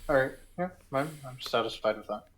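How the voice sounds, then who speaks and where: A young man playing a tabletop game, halting and repeating words, laughing often. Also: medium pitch, a bit bright, rough recording. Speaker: player. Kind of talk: casual game chat.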